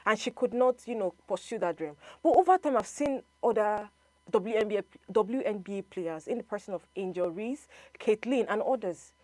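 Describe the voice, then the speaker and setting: A woman pushes back in a casual studio debate. Her pitch moves a lot, and she sounds confident. The sound is dry and close. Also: moderate pace, dry recording. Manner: assertive, lively, lists examples.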